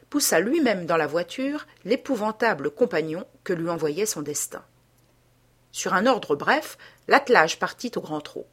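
Woman narrating a dark literary tale. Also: medium pitch, husky. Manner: measured, dark storytelling tone. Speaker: audiobook narrator. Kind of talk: literary audiobook reading.

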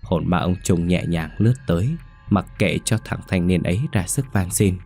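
A man reading a ghost story aloud in a steady, measured way. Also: low voice, creaky, faint music behind.

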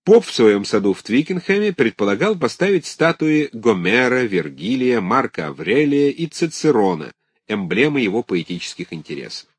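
A man reading a scholarly text on garden art aloud, in a measured, lecture-like way. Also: medium pitch, sing-song, breathy edge, no room sound. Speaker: audiobook narrator.

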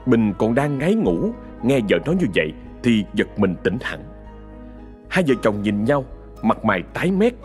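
A male storyteller with a Southern Vietnamese accent reads a ghost story dramatically. His pitch moves widely through each sentence. Faint music plays under him. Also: sing-song, moderate pace, a little mellow.

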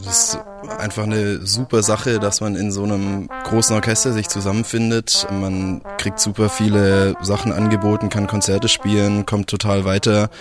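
A man of twenty from a youth big band, speaking enthusiastically and quickly in an interview. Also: lowish voice, little pitch movement, music in the background. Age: 20s. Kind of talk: interview answers.

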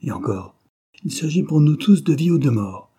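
A man's voice: on the low side, brisk, warm tone, husky. A man reading aloud, voicing a brave young mother who speaks firmly and resolutely. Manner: firm, resolute.

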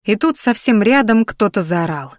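A woman's voice: medium pitch, moderate pace, no echo, studio quality. Woman narrating a dramatic fantasy audiobook. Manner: expressive, dramatic reading.

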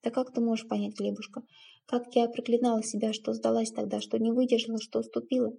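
A woman reading the part of a middle-aged stepmother who speaks in a halting, tearful, self-reproaching way. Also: a little high, little pitch movement, creaky, dark tone, slightly rough, full character voice. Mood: guilty, tearful.

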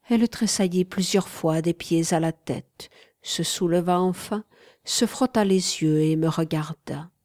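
A woman reads a classic novel aloud in a slow, hushed way, often sinking into a whisper. Her voice sits a little low. The recording is dry and close to the mic. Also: no room sound. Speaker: audiobook narrator. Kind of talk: literary audiobook narration.

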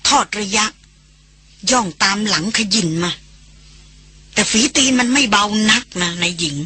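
A reader voicing a frightened male forest tracker who speaks in a shaky, hoarse whisper. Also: medium pitch, measured pace. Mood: pleading fear. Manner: hushed, urgent, pleading.

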